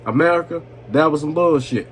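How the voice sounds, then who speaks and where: A twentysomething vlogger, loosened up by vodka, briskly spins an angry, profane story for the camera in a slightly high voice. Faint background noise can be heard.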